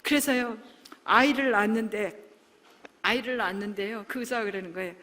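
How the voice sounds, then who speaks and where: A middle-aged woman, a pastor's wife, giving an earnest, emotional testimony sermon, moving from soft asides to loud exclamations. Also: mid-range voice, moderate pace. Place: large church hall. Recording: long hall reverb.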